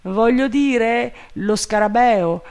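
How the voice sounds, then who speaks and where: Man playing a high, anxious servant, bumbling, loud, storybook voice. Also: takes it slowly, smooth, exaggerated voice. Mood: fretful. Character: timid, bumbling male servant up a tree.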